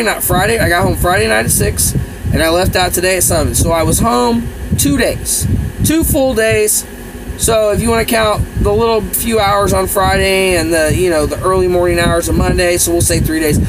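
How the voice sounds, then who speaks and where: A man's voice: sits high, noisy background. A man in his forties, a truck driver vlogging casually from inside his truck cab at night, rambling and repeating himself with eager energy. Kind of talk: casual vlog chat to camera. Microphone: phone or camera held close.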